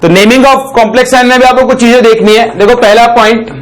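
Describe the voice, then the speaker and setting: A man teaching a chemistry lesson in a very high voice. He keeps asking his students a question and answering it himself. He dictates some phrases slowly, word by word, for them to copy down. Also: steady tone, slight background noise, rough recording. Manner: dictates slowly while writing on a board; ends phrases with a checking "ठीक".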